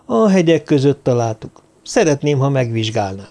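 A man voicing a guarded, gruff male police lieutenant in an audiobook, speaking tersely and grumbling. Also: mid-range voice, sing-song, dark tone. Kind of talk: audiobook character voice.

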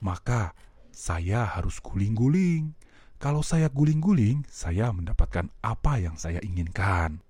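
A man voicing a young child slowly reasoning out how crying gets him what he wants. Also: fairly low pitch, lively intonation, darkish tone, slightly rough, dry recording. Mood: musing. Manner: slow, musing, spelled out.

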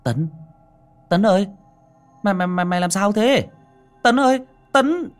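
Man playing a cocky young villager, quick blunt talk, husky lively voice. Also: on the low side, soft background music. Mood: frantic calling.

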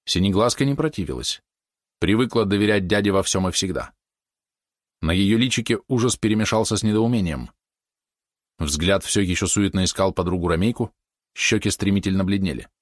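Low-voiced man, audiobook narration, measured storytelling, dry recording. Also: dry recording.

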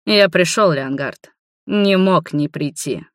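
An audiobook reader voicing a protective male dragon lord, stern and firm, with a slightly hoarse tone. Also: medium pitch, slow pace, no echo, studio quality, lightly acted. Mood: stern, caring.

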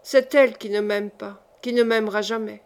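A woman's voice: medium pitch, fairly even intonation, moderate pace, a little mellow, close to an everyday voice. A woman reading the part of a discouraged, lovesick young man in an audiobook, speaking dejectedly. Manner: dejected, sighing.

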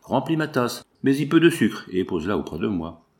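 A man's voice: medium pitch, big pitch swings, fairly quick, a little mellow, natural voice. A man voicing a drugged, crazed male murderer who boasts feverishly of his crimes. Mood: curt. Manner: feverish, boastful, laughing strangely.

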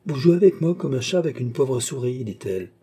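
A man's voice: mid-range voice, lively intonation, fairly quick, warm tone, husky. A man reading a wary, pleading young woman. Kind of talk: audiobook character reading.

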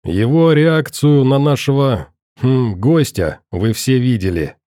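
A man's voice: medium pitch, lively intonation, warm tone, dry recording, studio quality. A man voicing a coldly polite middle-aged interrogator in an audiobook, courteous and probing. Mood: addressing crowd. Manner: pointedly courteous, probing, deliberate.

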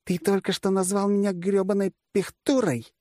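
A man's voice: high-pitched, animated, moderate pace, mellow, no echo, clean studio sound, voice pushed up. A man reading an audiobook, voicing a blunt, sarcastic older female generalissimo. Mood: outraged.

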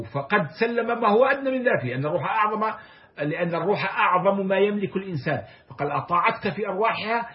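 A man giving a lecture on classical poetry, reciting verses and then explaining them word by word. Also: on the high side. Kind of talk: recorded lecture. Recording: dull lo-fi lecture recording.

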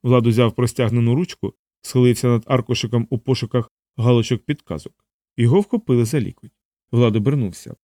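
Male audiobook narrator, mellow dark voice, dry close recording, steady read. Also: mid-range voice, no room sound. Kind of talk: scripted narration.

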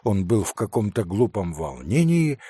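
A man narrating a classic novel as an audiobook, measured and expressive. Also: fairly low pitch, breathy edge, no echo, clean studio sound. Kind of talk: scripted narration.

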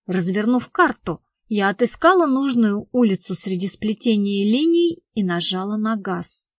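A woman narrating a comic novel in a lively, expressive way, on a studio microphone. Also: medium pitch, moderate pace, no room sound. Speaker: audiobook narrator.

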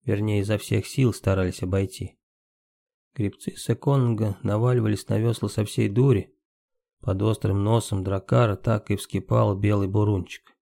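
A man reading a story aloud as an audiobook narrator, steady scripted narration. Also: fairly low pitch, normal speed, gravelly, no echo.

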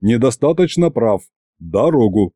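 A man's voice: mid-range voice, big pitch swings, measured pace, warm tone, husky, no room sound, clean studio sound. A man voicing a cold, terse zombie knight commander in an audiobook, speaking in clipped mechanical orders.

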